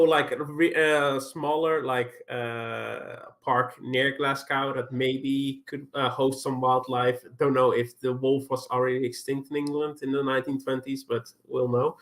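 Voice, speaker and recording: A man's voice: mid-range voice, a bit bright. A man playing a tabletop role-playing game, rambling and filling his speech with "like" and "uh". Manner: rambling, full of "like" and "uh". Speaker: player. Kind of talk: tabletop role-play chat.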